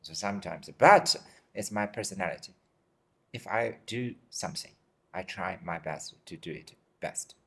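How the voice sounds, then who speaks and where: A man in his forties from China, Chinese native, answering interview questions in simple, halting English and repeating himself, tired. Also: low voice, gravelly, husky. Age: 40s. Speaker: dentist guest. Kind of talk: interview answers in second language.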